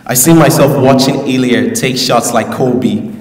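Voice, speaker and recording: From the podium of a large school hall, a young man gives the valedictory speech, adding playful jokes for the audience. He speaks in a mid-range voice at a measured pace. The podium mic sounds distant, and the recording is echoey.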